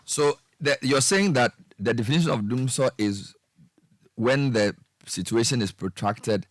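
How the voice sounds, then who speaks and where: A man, a smooth radio host probing a guest with pointed questions in a studio. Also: medium pitch, lively intonation, a little slow, very noisy. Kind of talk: pressing radio interview.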